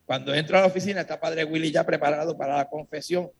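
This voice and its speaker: A man giving a religious testimony to a congregation, telling his story in a lively way and speaking straight to his listeners. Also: on the high side, quick pace, slightly rough.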